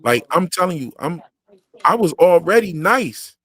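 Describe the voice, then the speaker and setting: The voice is a man's, high-pitched and sing-song, a bit bright with a breathy edge, and he talks at a measured pace on a dry recording. Hosting his YouTube channel's livestream, he chats casually with slangy, rhythmic phrasing and says he used to stutter heavily.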